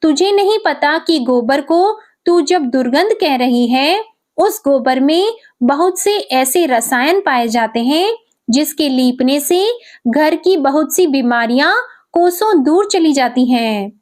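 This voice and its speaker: A devout older mother pleads in a high, unhurried voice, as a woman storyteller reads her. Her lines come slow and heartfelt, with the plain voice of a story reading. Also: animated, a little mellow. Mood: gentle.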